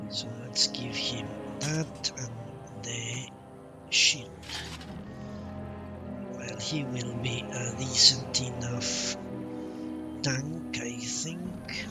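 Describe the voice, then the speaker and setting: Extremely slow and pausing often, a mid-range male voice thinks aloud while live streaming a game. He mutters casually to himself as he reads the menus. The game's music comes through clearly in the background.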